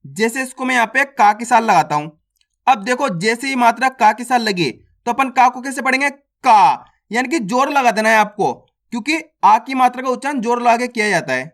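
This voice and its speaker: A man's voice: extremely high pitch, animated, fairly quick, a bit bright. Man teaching the Hindi alphabet. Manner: asks the class questions and answers them himself; stretches out vowel sounds to demonstrate them. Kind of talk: online alphabet lesson.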